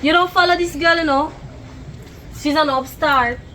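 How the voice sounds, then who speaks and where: A woman's voice: high voice, normal speed, sharp tone, slight background noise, low-quality recording. A woman with a Caribbean accent playing an indignant, scolding resident of a shared house in a comedy drama.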